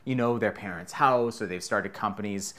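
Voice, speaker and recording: A man's voice: lowish voice, normal speed, fairly bright tone. A man hosting a casual interview show, talking in a loose, rambling way with jokes and the odd swear word. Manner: loose, rambling, joking, swears now and then. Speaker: podcast host.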